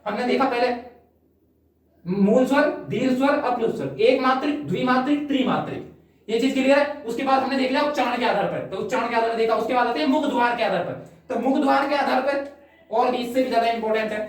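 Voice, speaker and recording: Woman grammar teacher with a higher voice, patient step-by-step delivery, heard from a distance. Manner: explains step by step, repeats "ठीक है", drawn-out sample vowels. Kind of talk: classroom lecture for exam prep. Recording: very echoey room, far from the mic.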